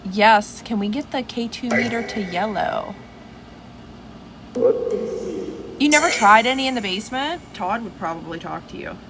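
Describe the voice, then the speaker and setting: Chatting casually on a livestream from her home, a woman speaks to viewers by name in a mid-range voice, a little slowly and with long pauses. Steady hiss fills the noisy recording.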